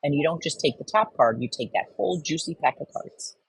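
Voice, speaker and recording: A woman's voice: low-pitched, animated, a little fast, gravelly, husky, dry recording, rough recording. A woman narrating a step-by-step card game tutorial, explaining each turn patiently and methodically.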